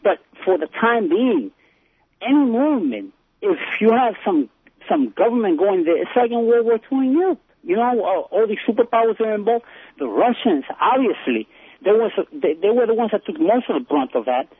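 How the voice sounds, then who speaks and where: A man calls into a radio talk show and argues his case in a rambling, hesitant way. His voice is high and husky. It comes over a tinny phone line. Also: very animated, moderate pace, no echo. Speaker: caller.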